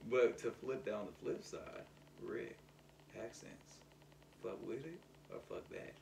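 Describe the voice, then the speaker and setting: A man co-hosting a podcast in casual chat, with loud, laughing, profane banter. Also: mid-range voice, animated, slow pace, creaky. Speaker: podcast co-host. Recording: echoey room, mic at a distance, faint noise.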